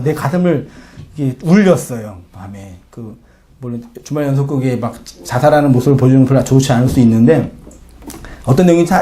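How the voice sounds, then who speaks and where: A man's voice: medium pitch, dark tone. A male pastor preaching in a conversational way, often questioning the congregation and acting out short quoted lines. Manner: acts out short quoted lines in changing voices. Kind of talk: sermon.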